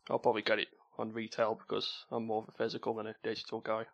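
A man's voice: lowish voice, completely flat delivery, quick pace, vocal fry, muffled recording. A man with a Stoke-on-Trent Potteries accent, hosting an informal gaming podcast. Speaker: stand-in podcast host.

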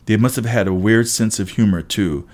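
A man's voice: on the low side, normal speed, darkish tone. A man reading an audiobook aloud in a wry, conversational first-person storytelling manner. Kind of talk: audiobook narration.

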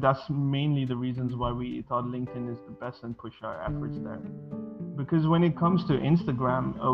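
A man in his twenties, originally from Sri Lanka, answering interview questions casually and hesitantly, with many fillers and restarts. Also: mid-range voice. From Sri Lanka, raised in Bahrain. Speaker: guest, design studio co-founder. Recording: dull lo-fi audio with music behind.

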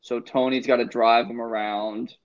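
A man's voice: mid-range voice, level tone, moderate pace, lo-fi sound. A man in casual chat, animatedly retelling a film plot with emphatic recaps.

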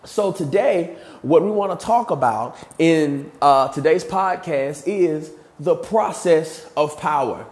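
A man's voice: fairly high pitch, slow, few pauses, a little mellow. A man hosting a motivational podcast on leadership, a bit out of breath, talking earnestly in a repetitive preaching cadence with fillers. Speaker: podcast host and motivational coach.

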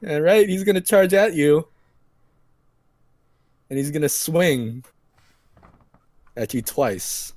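A man running a tabletop game as game master, narrating in a relaxed way with frequent laughter. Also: a little high, slow pace, long pauses, no echo.

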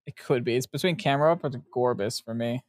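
A man's voice: mid-range voice, brisk, dry recording. Teasing man reading out choices, dry sound. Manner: teasing, laughs often. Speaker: quiz co-host. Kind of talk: casual chat.

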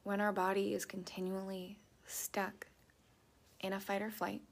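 Woman coach, gravelly, soft and reflective, drifts into half-whispers during a self-help live stream. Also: mid-range voice, completely flat delivery, unhurried.

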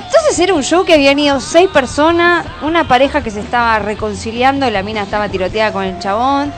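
A woman's voice: sits high, quick pace, faint music behind. A woman comedian with an Argentine accent from the Buenos Aires area, telling stories casually in slangy, bawdy language. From Argentina, San Martín in Greater Buenos Aires. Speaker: stand-up comedian, guest. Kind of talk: casual comic storytelling.

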